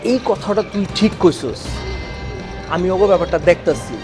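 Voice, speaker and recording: A hot-tempered landlord. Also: male voice, high-pitched, animated, normal speed. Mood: bossy. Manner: scolding, shouty. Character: older male landlord, hot-tempered but soft-hearted. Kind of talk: TV comedy drama. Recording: music bed under dialogue.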